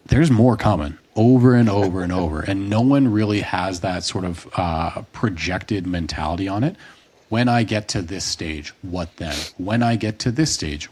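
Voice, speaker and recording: A man with a very low, husky voice holds forth in a casual podcast conversation. He thinks out loud in long, looping sentences, restarting himself and throwing in the occasional curse word. He sounds like a fitness coach in his late twenties or thirties. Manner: long rambling explanations, frequent restarts, occasional swearing.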